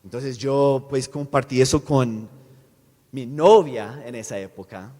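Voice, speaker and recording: A man giving a sermon testimony as a visiting missionary speaker. He speaks haltingly, restarts his words often and keeps checking with the audience. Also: medium pitch, dark tone. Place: church sanctuary. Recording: long echo of a large church hall.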